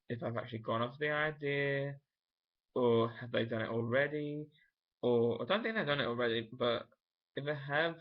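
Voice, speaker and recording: A young man chatting casually to his camera, wandering from thought to thought and restarting his sentences as he goes. His voice sits at an ordinary middle pitch, and the recording has a dull, lo-fi home sound. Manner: rambling, thinking aloud with many restarts. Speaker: vlogger. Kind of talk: casual vlog chat.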